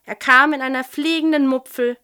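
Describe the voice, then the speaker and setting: Lady doing a lisping little storybook penguin guy, hurried, highish and loud. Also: fairly even intonation. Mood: breathless. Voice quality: lisps s and k as pf.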